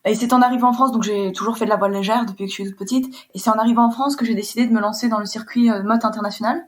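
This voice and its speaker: A woman's voice: a little high, fairly even intonation, racing. A woman in her twenties from Poland, a sailor being interviewed, telling her story fluently and explaining things in detail. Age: 20s. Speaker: sailor guest. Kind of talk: casual interview chat.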